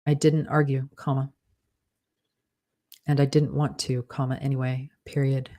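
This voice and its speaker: A writer dictating a story aloud, saying each punctuation mark and correction in a measured, even way. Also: medium pitch. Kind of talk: dictating fiction aloud with spoken punctuation commands.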